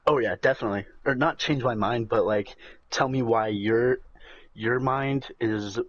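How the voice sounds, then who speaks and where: A man's voice: mid-range voice, a little slow, a bit bright, no room sound. A twenty-year-old man chatting casually as a podcast co-host, blunt and full of swearing. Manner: blunt, profane. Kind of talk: casual chat. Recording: dull lo-fi sound.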